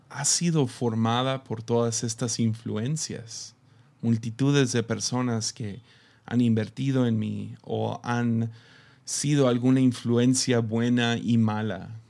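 A man's voice: mid-range voice, vocal fry, warm tone. A Mexican man speaking to his church in a casual, reflective talk. He laughs often and fills his speech with hesitations and restarts. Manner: chatty, laughs often, many fillers and restarts.

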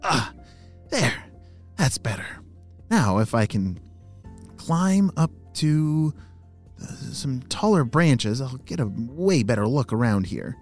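In a bedtime storybook podcast, a curious young anaconda talks low and hushed, slow and full of wonder, as a man voices him. His voice swings up and down a lot, with soft music faint behind. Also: very animated.

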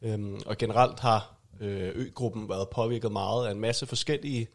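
A man giving a casual history overview in a chat, pausing with many fillers. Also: on the low side. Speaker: co-presenter.

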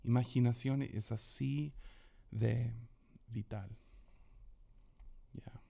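A man's voice: medium pitch, very slow, vocal fry. A young adult man, telling stories in a casual talk, acting out quotes and laughing often. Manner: animated storyteller who acts out quotes and laughs often.

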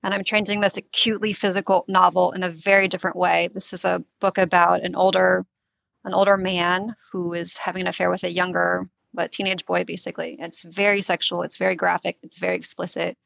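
Woman in her 30s, low flat gravelly voice, thoughtful interview guest, dull dry lo-fi recording. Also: fairly quick, dry recording. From born in Tunisia, raised in the US. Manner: thoughtful, searching for words, frequent restarts. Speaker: literary translator, guest. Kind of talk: reflective interview talk.

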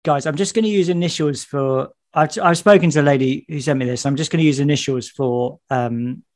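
A man's voice: a little high, fairly quick, a little mellow. A man hosting a casual church chat show, joking and reading texts aloud with playful emphasis. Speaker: podcast host.

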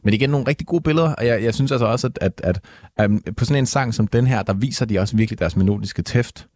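A man's voice: mid-range voice, darkish tone, no room sound, clean studio sound. A man hosting a casual podcast chat about an album, thinking aloud with frequent hesitations and fillers. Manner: thoughtful, hesitant, many fillers. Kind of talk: casual music review chat.

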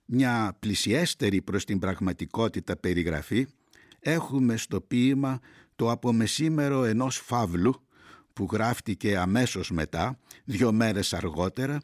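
A man reading poetry aloud in a slow, grave, deliberate way, pausing between short phrases. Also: lowish voice, no echo, clean studio sound. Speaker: poetry reader.

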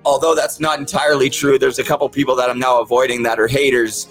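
A man's voice: medium pitch, little pitch movement, fast talker, fairly bright tone, faint music behind, rough recording. A man with the toothless speech of someone missing his teeth, hosting a podcast and talking casually, earnestly and plainly to his viewers. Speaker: podcast host. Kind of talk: casual, sincere talk to viewers.

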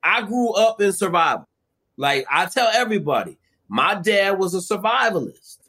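A male football coach swapping stories as a guest. His voice sits fairly high and jumps around a lot. He is profane and punchy throughout. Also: big pitch swings, normal speed, sharp tone. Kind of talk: casual storytelling.

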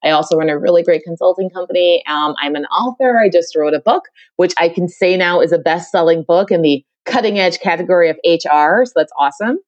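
Lowish and a little fast, this woman's voice runs on with few pauses, recorded with no room sound. She is a middle-aged diversity consultant from the Caribbean, energetically answering as a guest on a podcast interview and frequently repeating phrases.

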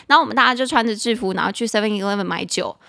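A young woman with a Taiwanese Mandarin accent co-hosting a casual English-learning podcast, spelling out words slowly and laughing through stories. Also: medium pitch, creaky, sharp tone, no room sound, clean studio sound. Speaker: podcast co-host teaching English. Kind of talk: casual chat with English lessons.

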